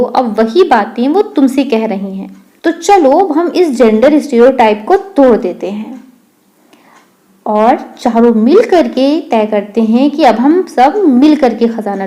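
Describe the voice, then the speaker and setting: A woman's voice: a little high, mellow. A woman voicing a clever young girl who patiently explains things to her friends in a storybook tale.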